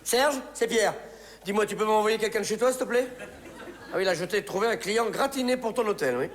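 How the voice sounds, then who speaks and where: A man's voice: high-pitched, fairly quick, a little hiss or hum, close to an everyday voice. A man playing a stiff, easily exasperated store manager who stammers indignantly, in a theatrical stage delivery. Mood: stern. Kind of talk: stage play acting. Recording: reverberant theater hall, faint ambience.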